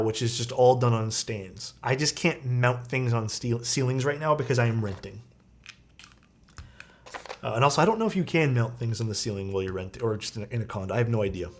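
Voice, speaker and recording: Speaking into a streaming mic from his small rented room, the keyboard-building host chats casually and rambles to his viewers in an easygoing way. His voice is mid-range and a bit bright.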